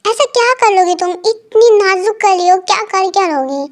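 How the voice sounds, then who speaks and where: A woman's voice: very high voice, moderate pace. A woman voicing a sleazy young male bar thug who taunts in a mocking, leering way.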